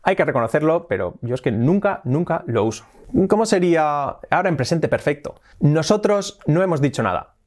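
A man teaching English in an online video lesson, talking lively and emphatically and repeating words and example phrases. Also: a little high, brisk. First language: Spanish.

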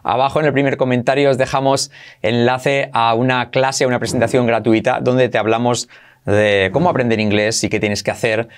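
A man from Spain with a Spanish accent, teaching English phrases in an energetic lesson and coaxing the listener to repeat after him. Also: medium pitch. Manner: drills phrases slowly, coaxing "come on, repite conmigo".

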